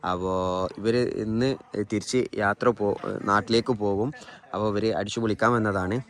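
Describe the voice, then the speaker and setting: A man with a fairly low voice and a Malayali accent narrates a travel vlog as he shows places around. His talk is casual, and he mixes English words into his Malayalam. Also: fairly even intonation, brisk, a bit bright. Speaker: travel vlogger.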